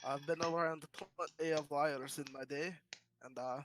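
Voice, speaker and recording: A man's voice: fairly high pitch, steady tone, unhurried, noisy background. A man talking as a player in a tabletop role-playing game, hesitant with many fillers.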